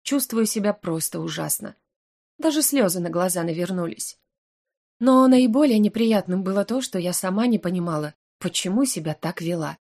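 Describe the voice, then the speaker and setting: A woman narrating a first-person fantasy audiobook in a lively, expressive way. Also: lowish voice, normal speed.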